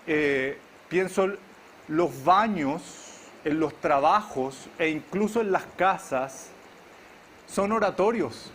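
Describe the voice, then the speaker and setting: A man, preaching a sermon to his congregation at a church service. He keeps checking in with the listeners with a quick question. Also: a little high, a bit bright, a little hiss or hum. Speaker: pastor.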